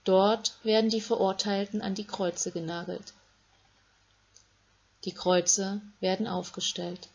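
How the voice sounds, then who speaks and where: A woman reading a Bible story aloud in a calm, measured way, with short phrases. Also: medium pitch, vocal fry, slightly rough, highs cut off. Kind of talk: scripted Bible story narration for children.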